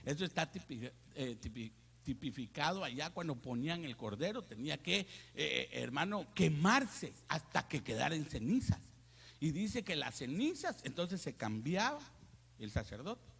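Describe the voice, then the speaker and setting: A man, a pastor, preaching a lively sermon full of jokes and asides, calling his listeners brother. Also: fairly high pitch, normal speed, vocal fry, breathy edge. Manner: animated, joking, addresses listeners as brother. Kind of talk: lively Spanish sermon with humor. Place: church hall. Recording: long church reverb.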